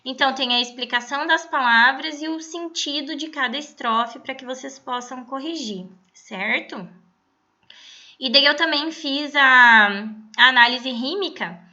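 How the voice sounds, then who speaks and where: Bright, high-voiced woman teacher. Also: dull audio. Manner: patient, explanatory, reads verses slowly aloud. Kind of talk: recorded online lesson.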